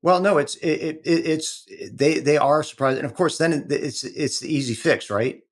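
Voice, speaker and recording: A man speaking as a guest in an interview, explaining in an earnest, halting way with many repeated words. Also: a little high. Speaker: protective intelligence executive, guest. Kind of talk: conversational interview talk.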